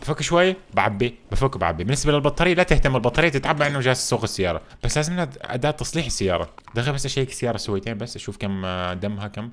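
A man hosting a gameplay video, commenting in an animated, jokey way and exclaiming often. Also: mid-range voice, very fast, few pauses. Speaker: gaming video host.

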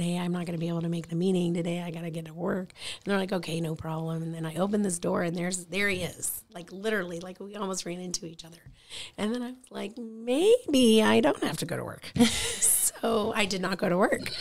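Chatty woman telling a story. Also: lowish voice. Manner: chatty, animated storyteller with many fillers. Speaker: guest, insurance agency owner. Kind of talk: casual storytelling interview. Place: radio studio.

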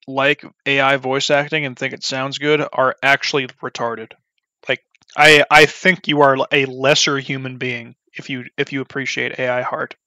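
Blunt, rambling man with a bright voice. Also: medium pitch, no echo. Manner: rambling and blunt, full of ums and restarts. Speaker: gaming YouTuber. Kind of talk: casual gameplay commentary. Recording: slightly dull, dry recording.

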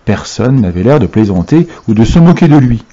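A man reading a children's novel aloud to a class in an expressive storytelling manner. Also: mid-range voice, brisk. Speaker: reader for a class. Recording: dull muffled recording.

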